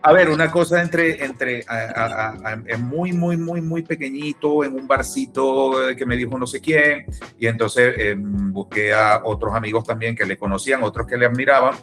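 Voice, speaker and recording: A man with a Venezuelan accent, an interview guest and musician, telling a lively story and acting out the people in it. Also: mid-range voice, moderate pace, faint music behind. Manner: animated anecdote teller who acts out quoted dialogue. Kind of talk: casual storytelling.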